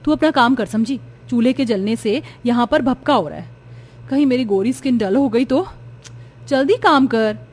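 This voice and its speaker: A woman's voice: fairly high pitch, lively intonation, normal speed, a little mellow. A woman voicing a vain, spoiled young woman in a storybook, scornful and bossy, slipping English words into her talk. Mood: arrogant. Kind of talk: storybook voice acting.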